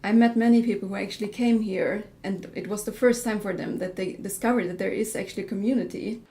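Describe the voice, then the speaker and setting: A woman with a mellow, dark tone and a lot of vocal fry speaks reflectively in an interview. She restarts her phrases as she goes. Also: mid-range voice, fairly even intonation, fast. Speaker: festival organiser. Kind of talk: interview commentary.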